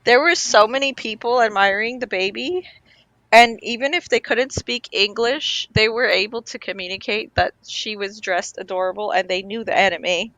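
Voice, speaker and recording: Woman, casual podcast co-host, rambling storyteller, mid-pitched, dry sound. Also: normal speed, fairly bright tone, no room sound, low-quality recording. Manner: chatty storytelling, many "like" fillers. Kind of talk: casual chat.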